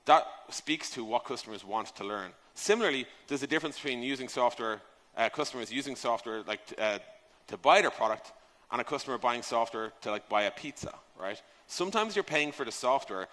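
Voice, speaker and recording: Here a man with a mid-range voice, expressive and a little fast, speaks in a bright, forceful tone. He's on stage in a large conference hall giving a casual, emphatic talk about software product design, full of rhetorical questions and offhand swearing. Expect an echoey hall and long reverb.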